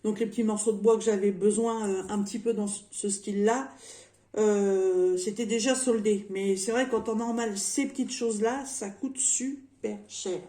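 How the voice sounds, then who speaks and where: Slow, mellow-voiced woman in her fifties. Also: mid-range voice, echoey room. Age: 50s. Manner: rambling and jokey, with many fillers and repeated words. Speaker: vlogger showing a shopping haul. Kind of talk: casual chatty haul video. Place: at home with a shopping bag beside her.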